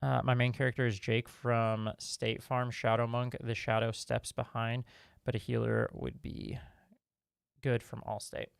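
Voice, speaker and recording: A man's voice: medium pitch, flat delivery, a little slow, gravelly, smooth, no room sound, studio quality. A man hosting a casual live-stream Q&A, reading viewer questions and rambling through his answers with lots of fillers and restarts.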